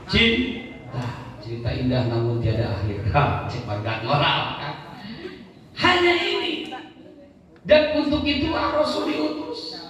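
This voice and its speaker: A man with a Sundanese accent preaching a sermon at a religious gathering, telling stories with emphatic repetition. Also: fairly high pitch. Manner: animated storytelling with emphatic repetition. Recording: echoey hall from far off.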